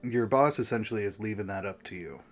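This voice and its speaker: A man runs a tabletop game as its game master, his voice sitting a little low. He talks haltingly, filling gaps with ums and stopping to clear his throat. His voice is wearing thin, as if he is losing it.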